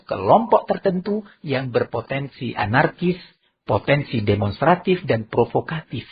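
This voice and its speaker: A man with an Indonesian accent delivers a sermon in a large mosque, animated and sharply changing his voice to act out quoted people. His voice is raspy and fairly high. The recording is muffled and lo-fi, with low bitrate. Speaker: preacher.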